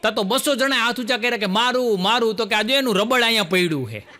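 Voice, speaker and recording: A man performs folk comedy on a stage. His voice sits high and sounds bright and forceful as he spins jokes into a stage microphone. He acts out the dialogue in his stories before a live audience. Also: expressive, quick pace, slight background noise. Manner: folksy joke-telling with acted dialogue and audience laughter. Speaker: stand-up comedian. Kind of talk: Gujarati folk comedy storytelling.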